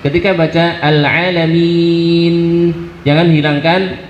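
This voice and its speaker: A man teaching Quran recitation, explaining pronunciation and chanting each syllable slowly for a group to repeat. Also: on the high side, little pitch movement. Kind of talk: tajweed lesson with call-and-response drills. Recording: echoey hall, dull lo-fi sound, faint hiss.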